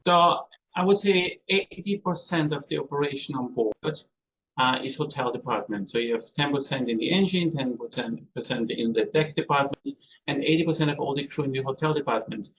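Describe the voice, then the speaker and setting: An Austrian man in his fifties, a cruise hotel manager, chattily answers interview questions on a remote call from aboard a ship, with some non-native phrasing. His mid-range voice is fairly quick and fairly bright. The call audio is slightly dull with faint noise.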